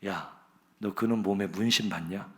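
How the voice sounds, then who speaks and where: A man voicing a gruff, blunt lion in a joke story. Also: sits low, moderate pace, voice pushed down, lightly acted. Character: gruff boastful male lion, quick to flee.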